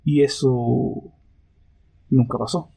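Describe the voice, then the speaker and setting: Gravelly man, thoughtful interview guest. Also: mid-range voice, level tone, mellow, dry recording. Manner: thoughtful, reflective, with hesitant pauses. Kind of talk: conversational interview answers.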